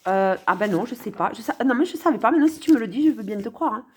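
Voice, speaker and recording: Talking directly to the viewer, a woman riffs on a song with casual, playful sarcasm, bouncing between mutters and exclamations. She's a fast talker with a high-leaning, animated voice and a breathy edge.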